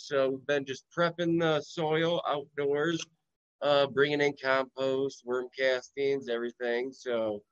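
A man from Michigan, a guest grower, speaking slowly with lots of fillers over a choppy internet connection that keeps breaking up. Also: on the high side, smooth, no echo. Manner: slow, halting, many fillers. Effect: choppy bad internet connection. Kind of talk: casual interview over a call. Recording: dull, dry lo-fi call audio.

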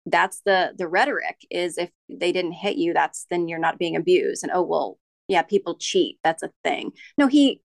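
Speaking haltingly with frequent restarts and ums, a middle-aged woman shares a personal story as a podcast guest in a candid interview. Her lowish voice has a gravelly edge, recorded close and dry with no room sound.

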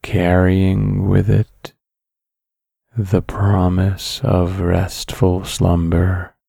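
A man narrating a guided sleep story in a calm, soothing, measured way, with long pauses between phrases. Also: deep voice, gravelly, husky, no room sound, studio quality.

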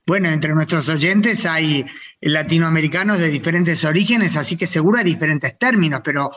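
A man's voice: a little high, moderate pace, a bit bright. Chatty male radio host, muffled sound. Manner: conversational, asks long framing questions. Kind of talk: radio interview.

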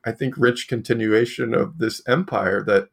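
A man interviewing an author about his book, talking haltingly with many fillers and restarts. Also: medium pitch, slightly rough.

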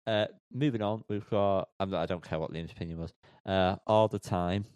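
A man reviewing music as a podcast co-host speaks in a low, steady, slightly mellow voice at normal speed, captured in a clean, dry recording. The casual conversation is full of his jokes and laughter, and he stumbles over band names.

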